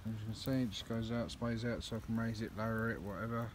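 A man's voice: lowish voice, flat delivery, fast. Man, 30s, casual outdoors vlogger, handheld phone, noisy open-air sound. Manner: rambling, many ums, chatty. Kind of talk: casual vlog narration. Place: woodland campsite and path outdoors. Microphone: phone camera held at arm's length. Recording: outdoor phone audio with clear background noise.

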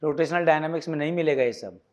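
A man's voice: fairly high pitch, fast. A man from India teaching a physics class, quizzing students with repeated questions and teasing asides, mixing English terms into Hindi. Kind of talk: classroom lecture.

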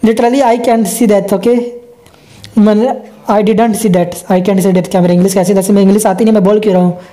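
A man's voice: sits high, steady tone, moderate pace, mellow. A young man giving casual, joking commentary over gameplay and talking to himself as he plays. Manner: chatty, joking, talks to himself.

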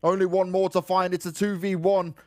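A man's voice: high voice, flat delivery, a little fast, no room sound, clean studio sound. A man giving dramatic live commentary on an esports match.

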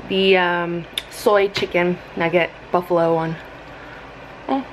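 A woman's voice: lowish voice, fairly even intonation, drawn-out words, slight background noise, low-quality recording. Chatty young woman vlogging her day. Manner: chatty, rambling, many "like" and "um" fillers. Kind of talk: casual daily vlog narration.

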